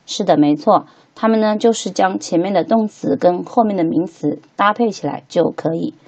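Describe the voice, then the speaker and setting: A woman teaching English to beginners, patiently repeating each word slowly three times as she walks through a textbook lesson. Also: on the low side, darkish tone, husky, lo-fi sound.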